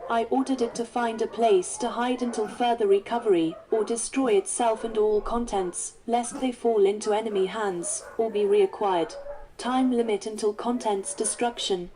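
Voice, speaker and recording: A woman's voice: a little high, fairly even intonation, normal speed, dark tone, a little hiss or hum, natural voice, poor audio. A woman voicing a female inquisitor recording a formal field log for a tabletop game, delivered in a clipped, report-like manner. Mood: urgent.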